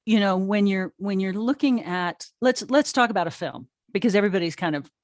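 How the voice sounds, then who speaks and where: Guesting on an interview, an American audio drama writer and producer in middle age shares stories in a casual, emphatic way and frequently restarts sentences. She speaks briskly with a medium pitch and a darkish tone. The studio-quality audio has no room sound.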